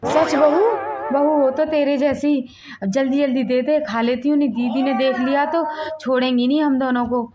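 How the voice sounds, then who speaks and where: A meek older mother-in-law voiced by a woman, high and flat in tone, pleading and timid. The audio is dull, with faint music behind. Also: moderate pace, natural voice. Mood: hungry. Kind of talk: family drama voice acting.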